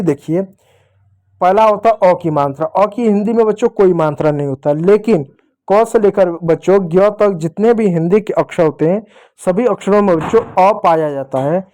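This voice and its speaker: A man teaching young children how to read Hindi, patiently repeating each sound slowly and speaking straight to the kids. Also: high-pitched, a little mellow.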